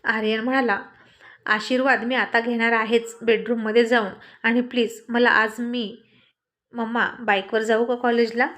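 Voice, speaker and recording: A woman tells a family story aloud, voicing every character herself. Her voice sits a little higher than most, and she keeps the telling light and conversational. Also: level tone, normal speed, fairly bright tone. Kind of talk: scripted story narration.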